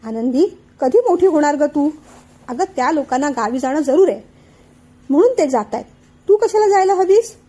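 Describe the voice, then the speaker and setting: A young husband, stubborn and mocking, as a woman narrator reads him. He teases and refuses in a high, mellow voice. Audiobook family drama. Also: expressive, normal speed. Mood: stubborn teasing.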